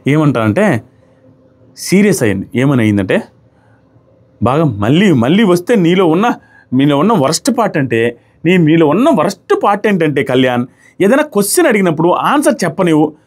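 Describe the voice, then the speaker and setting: A man's voice: on the high side, sing-song, a little fast, pauses often, a little mellow. A man giving an opinionated review of a reality show episode, arguing his points with pointed rhetorical questions.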